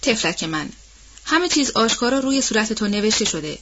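A woman's voice: on the high side, big pitch swings, fairly bright tone, exaggerated voice. A woman reading a novel aloud and voicing Rhett, a weary, bitter husband, in a heavy, coolly dismissive tone, on a dull, muffled recording. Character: weary, bitter, sardonic grown man, a husband.

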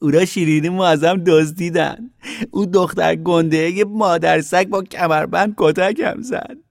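A man's voice: high-pitched, steady tone, vocal fry, dry recording, clean studio sound, pitched above the performer's own voice. A man voicing a small, hurt girl who complains while sobbing, in an audiobook reading. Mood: tearful. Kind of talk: audiobook character voice.

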